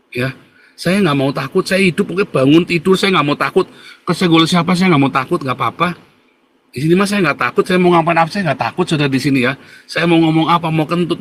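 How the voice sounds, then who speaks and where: A man's voice: medium pitch, fairly bright tone. A man in his forties from Indonesia, delivering an emphatic, repetitive and defiant monologue to his viewers, laughing now and then. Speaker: vlogger. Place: abroad, not the pictured home country.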